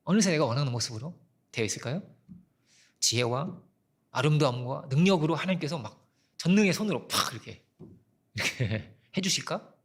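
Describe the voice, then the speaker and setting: A man preaching a sermon as pastor, telling a story in a conversational way and dropping his voice softly when he quotes people. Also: on the high side, expressive, brisk, pauses often, breathy edge. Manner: conversational storytelling, quoting people and God in soft asides.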